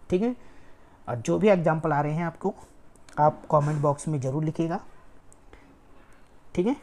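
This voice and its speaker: Low-voiced woman teaching a lesson. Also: darkish tone. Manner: explains step by step, repeats key words for emphasis; frequent "ठीक है" checks. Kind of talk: online exam-prep lecture.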